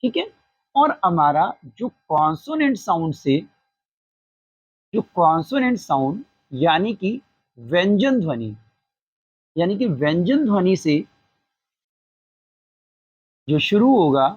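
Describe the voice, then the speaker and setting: Husky-voiced teacher explaining grammar. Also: mid-range voice, big pitch swings, darkish tone, no echo. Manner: asks a question and then answers it; repeats key phrases slowly. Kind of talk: spoken grammar lesson. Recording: slightly dull lo-fi recording.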